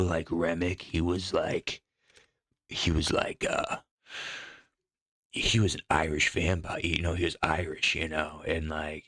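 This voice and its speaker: Man, very low voice, gravelly, profane exasperated rant, dry close sound. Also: fairly bright tone, no echo. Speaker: podcast host. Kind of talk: casual ranting commentary.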